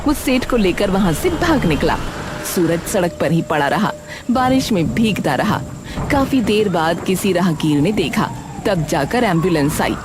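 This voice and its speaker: A woman's voice: on the low side, lively intonation, a little slow, background noise. Dramatic woman storyteller. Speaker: narrator. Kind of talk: scripted story narration.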